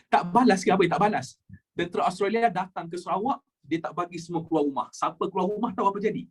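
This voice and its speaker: A man's voice: high-pitched, quick pace, slightly rough, rough recording. A young Malaysian man teaching a live online history class, jokey and repeating his key points, mixing in English phrases.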